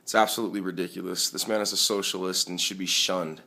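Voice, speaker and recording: A man records his own opinionated commentary. His voice sits on the low side, with a bright, forceful edge that cuts through. The delivery is that of an amateur political video. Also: steady tone, fast talker, creaky. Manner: indignant, emphatic.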